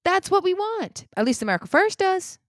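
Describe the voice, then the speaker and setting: A woman giving a heated political opinion monologue, indignant, swinging between loud outbursts and low muttering. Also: big pitch swings, fairly quick, no room sound, studio quality. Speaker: political commentator.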